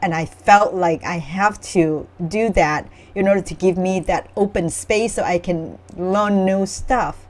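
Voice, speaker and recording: A middle-aged Vietnamese woman with a lowish voice speaks a little slowly and with few pauses. A memoir author appearing as a panel guest, she shares her personal story earnestly and reflectively.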